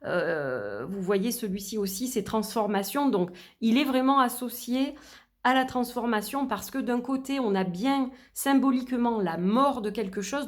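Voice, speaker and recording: A middle-aged woman vlogging in a casual, chatty way, with many fillers and restarts, her voice a little worn. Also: a little high. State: losing her voice. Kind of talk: casual chat.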